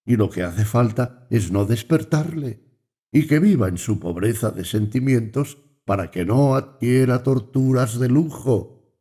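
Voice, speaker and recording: Man doing an earnest doubting brother, dark husky voice, audiobook. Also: mid-range voice, expressive, a little slow. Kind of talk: audiobook reading.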